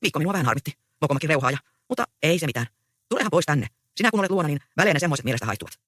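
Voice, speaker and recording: Brief: a reader doing a confident, reassuring young farm man in a read-aloud play, bright, lively delivery. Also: mid-range voice, no room sound, clean studio sound. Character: young peasant man, proud and easygoing.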